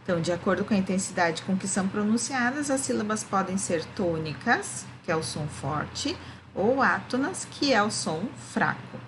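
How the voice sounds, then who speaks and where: A woman's voice: medium pitch, animated. Patient woman teacher, noisy room. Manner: patient, explains slowly with many "né?" and "tá?" checks. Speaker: primary school teacher. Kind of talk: remote lesson to children.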